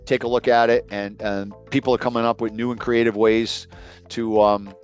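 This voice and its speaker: A middle-aged man speaking as a guest expert on an online webinar, hesitant with many pauses and fillers. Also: medium pitch, flat delivery, lo-fi sound, faint music behind. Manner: hesitant, many ums, trailing off. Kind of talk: casual online webinar talk.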